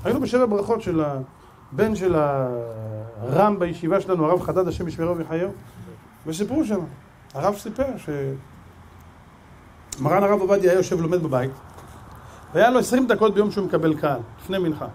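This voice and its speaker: A man's voice: high voice, pauses often, a little hiss or hum. A man with an Israeli Hebrew accent, a rabbi giving a sermon full of stories and acting out the dialogue. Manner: animated storyteller, acts out dialogue. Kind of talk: sermon with storytelling.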